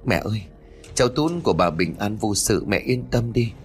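A man voicing a frantic young mother who calls out urgently, half-shouting. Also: on the low side, expressive, moderate pace, lightly acted. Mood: soothing. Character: frantic young mother searching for her son.

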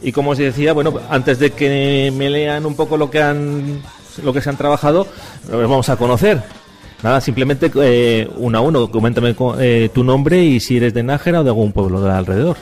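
A man's voice: medium pitch, a little fast, a little mellow, long reverb tail, faint music behind. A man with an accent from Spain, hosting a casual, encouraging interview. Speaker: radio programme host interviewing a teacher and pupils.

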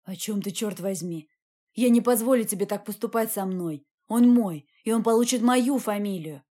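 A woman voicing Mark, a hard, commanding man who speaks in a curt, forceful way in an audiobook. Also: medium pitch, moderate pace, close to an everyday voice. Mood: angry.

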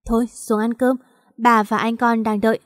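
A woman's voice: on the high side, flat delivery, moderate pace, no echo, clean studio sound, natural voice. A woman voicing a kind, protective middle-aged mother in an audio story, firm and caring.

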